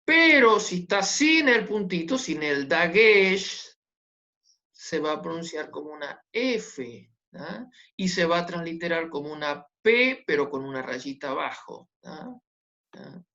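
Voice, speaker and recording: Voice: medium pitch, big pitch swings, a little slow, pushed and bright, lo-fi sound. A teacher giving a class, patient and repetitive, often checking that the students follow. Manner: patient, repetitive, checks understanding with tag questions. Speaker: Hebrew teacher. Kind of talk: online class lesson.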